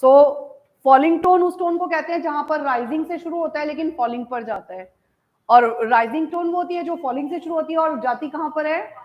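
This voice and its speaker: Woman teacher, high voice, Indian English accent, online class lecture, code-mixing, frequent check-ins with students. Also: dull audio. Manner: mixes Hindi and English, asks students "is it clear?", reads lines out slowly; calls students "beta".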